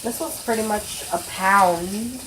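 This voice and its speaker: A woman's voice: medium pitch, takes it slowly, a bit bright, low-quality recording. A woman casually hosting a cooking demonstration, loosely explaining each step as she goes. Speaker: cooking video host. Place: kitchen, indoors. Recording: clear kitchen noise, sizzling and pans.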